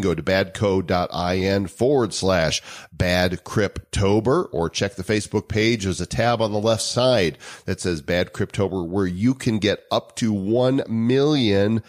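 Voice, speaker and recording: A man's voice: fairly low pitch, a little slow. A man co-hosting a casual podcast with dry, wisecracking asides who also reads out a legal disclaimer. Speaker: podcast co-host.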